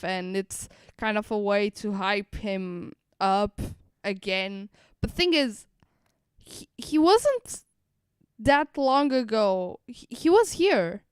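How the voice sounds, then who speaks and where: A woman with a fairly high pitch and clean tone gives relaxed live reaction commentary on a game stream. The studio sound is clean with no room noise, and she rambles, repeating phrases as she thinks aloud.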